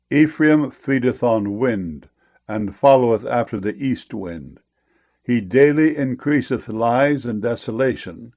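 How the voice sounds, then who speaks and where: A man with a medium-pitched voice narrates scripture for an audiobook. His delivery is solemn and formal. He reads in measured phrases, giving each line its weight. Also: gravelly, darkish tone.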